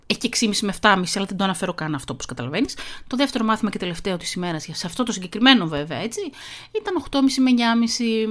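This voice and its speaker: A middle-aged woman who talks very fast, chatting casually and reading an article aloud, self-mocking and quick to laugh. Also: on the high side. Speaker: podcast host.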